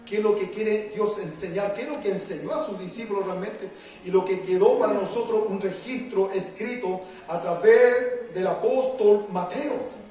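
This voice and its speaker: High-voiced preacher in an echoey church. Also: male voice, moderate pace. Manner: dramatic, rising and loud when reading the story. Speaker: pastor. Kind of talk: sermon with Bible reading and prayer. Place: church hall. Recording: echoey hall, voice from far off, music behind.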